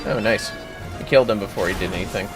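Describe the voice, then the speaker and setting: Over game music, a gamer streams live, commenting casually and walking viewers through how the game works. He speaks fast in a fairly low voice.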